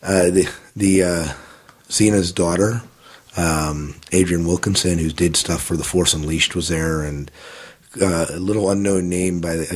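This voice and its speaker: Low and husky-voiced, this thirtysomething man answers interview questions casually on a podcast, talking through his own story. He wanders freely, circling back with filler words and starting sentences over.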